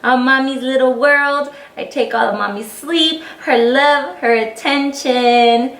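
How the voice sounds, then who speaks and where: A woman's voice: high voice, slow pace, fairly bright tone, recorded from a distance, pitched above the performer's own voice, full character voice. A mother voicing her sing-song baby girl. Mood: playful. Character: cheerful infant girl introducing herself. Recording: roomy echo.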